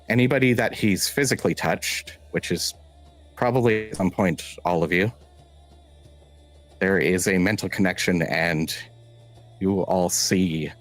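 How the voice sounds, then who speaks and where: Deep-voiced man narrating a tabletop game. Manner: halting, restarting descriptive narration. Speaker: game master.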